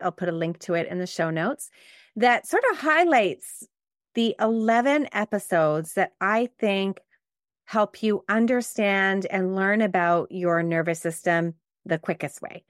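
A middle-aged woman from Canada hosts a podcast, talking in a chatty, warm and reflective way. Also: medium pitch, measured pace, no room sound, clean studio sound. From Montreal, Canada. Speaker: podcast host. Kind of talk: casual solo podcast talk.

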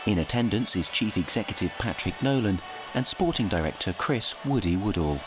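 A man as a low-voiced match announcer. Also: lively intonation, brisk, natural voice. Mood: formal. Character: match commentator announcing the fixture. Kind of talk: broadcast-style announcement. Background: music.

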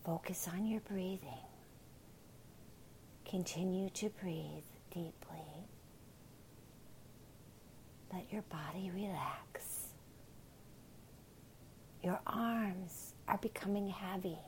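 A woman whispering soothing guided relaxation and gentle affirmations in an unhurried ASMR style. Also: on the low side, slight background noise, poor audio.

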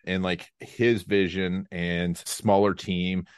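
Very deep-voiced hesitant male host. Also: little pitch movement, slow pace, clear, resonant tone, no echo, clean studio sound. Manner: conversational, hesitant, lots of "like". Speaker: podcast host. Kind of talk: casual interview talk.

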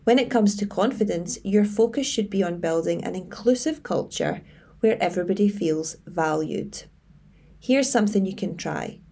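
A woman giving scripted advice as a coach, in a tidy, structured and measured way. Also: mid-range voice, mellow, husky. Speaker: leadership coach and presenter. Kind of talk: scripted advice presentation to camera.

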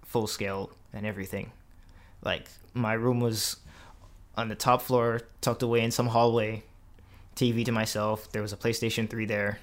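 A young man recounting his own story in a relaxed, chatty interview. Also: on the low side. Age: young adult. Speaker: interview guest. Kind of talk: casual interview.

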